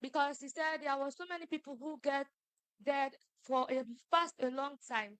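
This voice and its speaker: Woman asking questions, high bright voice, dry sound, careful. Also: steady tone, moderate pace, dry recording. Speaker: audience member asking questions. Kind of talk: press conference question.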